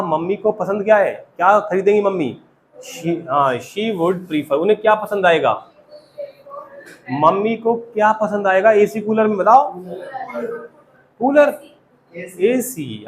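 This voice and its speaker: Male classroom teacher, keeps quizzing students; high-pitched. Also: a little hiss or hum, rough recording. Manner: quizzing students with repeated questions. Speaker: spoken English teacher. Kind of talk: classroom grammar lesson.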